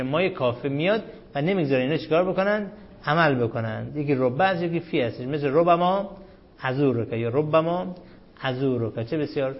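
Man, grammar teacher, fairly high voice, quizzes students, chants word analysis slowly, dull lo-fi recording. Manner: quizzing students with questions he then answers himself; chanting sentence analysis in a slow recitation cadence. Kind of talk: Arabic grammar lesson.

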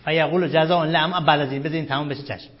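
A man's voice: a little high, steady tone, dull audio. A male teacher giving a classroom lecture, explaining step by step and putting questions to his students.

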